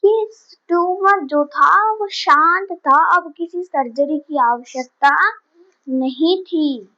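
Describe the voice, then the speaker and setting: A woman's voice: very high voice, takes it slowly, sharp tone, highs cut off. A woman teacher giving a vocabulary lesson, patiently explaining each word and switching between Hindi and English.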